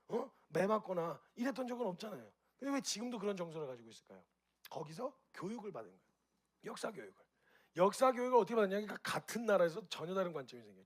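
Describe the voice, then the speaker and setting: A man giving a lively talk to an audience, asking them questions and acting out reactions with sound effects. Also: high-pitched. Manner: animated, direct questions to the audience. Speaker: speaker at a group gathering.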